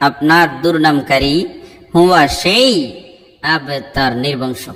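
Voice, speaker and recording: A man teaching Quran recitation, chanting verses slowly and drawn out, then spelling out letters and explaining. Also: a little high, a bit bright, long reverb tail.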